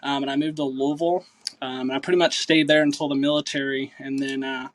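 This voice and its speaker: A man in his thirties from Kentucky, with a Southern accent, chats casually as a podcast guest. His voice is mid-range and quick-paced, and he rambles in a relaxed way with lots of uh and um.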